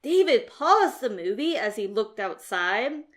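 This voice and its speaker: With a fairly high pitch, a woman reads a rhyming children's story aloud as narrator. She performs it theatrically and expressively at a measured pace.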